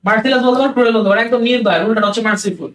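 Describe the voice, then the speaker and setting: A man teaches vocabulary at a brisk clip. He repeats terms, mixes in English and keeps checking that the class is following. His voice reaches the mic from some distance, bouncing around an echoey room. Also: high voice, fairly bright tone. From Bangladesh.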